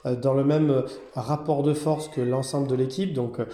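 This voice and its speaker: A man who runs a cat hotel, speaking casually to camera in an indoor cat room, cooing at the cats in a high sing-song voice and then explaining calmly to viewers. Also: moderate pace, reverberant. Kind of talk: casual vlog commentary.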